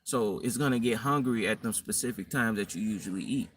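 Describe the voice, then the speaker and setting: A dating and fitness vlogger speaks directly to his viewers, giving blunt, profane, rambling advice in casual slang. His voice is lowish and a little fast, and the distant mic picks up faint room noise.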